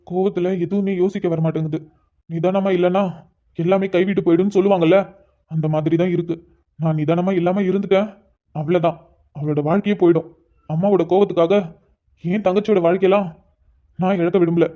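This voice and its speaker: A protective elder brother from a cartoon, heated and insistent, with a woman acting him out. He talks fast at a medium pitch. The recording sounds dull and lo-fi. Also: fairly even intonation, natural voice. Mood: worried. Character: young adult man, protective elder brother.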